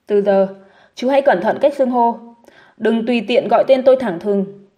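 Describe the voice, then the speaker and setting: A woman's voice: fairly high pitch, moderate pace, muffled recording, lightly acted. A woman voicing an emotionless young woman who has just become company director, in an audiobook. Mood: cold. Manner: cold, flat, commanding.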